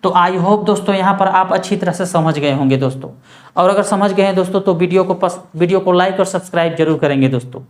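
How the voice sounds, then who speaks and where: A man teaching English grammar, slowly repeating example sentences word by word and constantly addressing his viewers as friends. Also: sits high. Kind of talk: grammar lesson.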